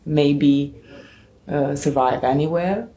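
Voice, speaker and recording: Interview guest, woman in her thirties, from Bosnia and Herzegovina, very low voice, thoughtful, soft laughs. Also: slow pace. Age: 30s. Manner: thoughtful, laughs softly between answers. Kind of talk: casual interview.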